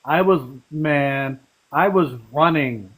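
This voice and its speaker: A man talks loosely on a podcast, his voice sitting a little higher than most men's. He rambles, pauses on fillers and pokes fun at himself in an easygoing chat. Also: a bit bright. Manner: rambling, self-deprecating, halting with fillers. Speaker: podcast co-host. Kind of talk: casual chat.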